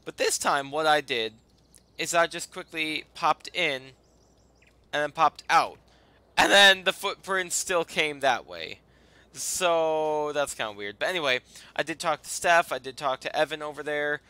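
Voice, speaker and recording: A man giving casual, halting and rambling commentary over a video game as its host. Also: fairly high pitch, animated, sharp tone, smooth, no room sound. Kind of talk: casual let's play commentary.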